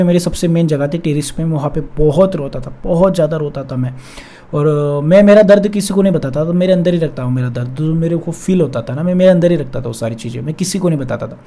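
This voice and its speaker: Fast-talking young man, high mellow voice. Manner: emotional, confessional, repeats himself. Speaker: relationship coach. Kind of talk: personal storytelling to camera.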